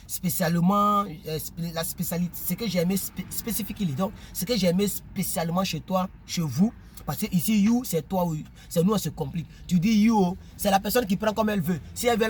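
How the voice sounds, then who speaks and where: A man casually vlogging to his subscribers, animated and preachy, often repeating words while he searches for them. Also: sits high, a little hiss or hum. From Ivory Coast. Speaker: YouTuber.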